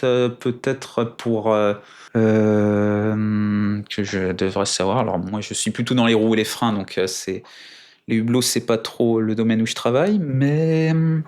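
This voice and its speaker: A man's voice: mid-range voice, darkish tone. A man being interviewed in casual chat, speaking in a careful, formal way with many hesitations, precise with numbers and dates. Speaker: guest.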